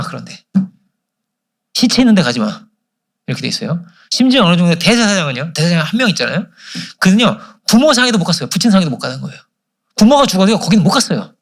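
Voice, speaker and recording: A man's voice: high-pitched, creaky, fairly bright tone. A man preaching a sermon as pastor, asking the congregation questions and answering them himself. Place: church service.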